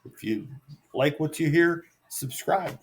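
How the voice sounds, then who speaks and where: With a slightly high voice and lively intonation, a middle-aged solo vlogger talks unscripted to his audience. His rambling is halting and relaxed, sprinkled with jokes at his own expense.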